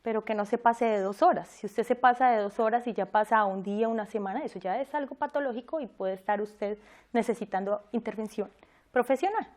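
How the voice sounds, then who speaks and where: A woman gives a conversational church teaching talk, frequently asking her listeners questions. Her voice is a little high with a darkish tone, and she speaks fairly quickly.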